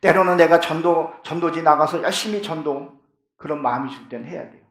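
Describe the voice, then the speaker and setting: A middle-aged male pastor delivers a fervent sermon in a church sanctuary. His voice sits high for a man and has a gravelly edge. The sound carries a roomy, echoing quality. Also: a little fast, a bit bright. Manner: fervent, rising to impassioned pleading in prayers. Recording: echoey church hall.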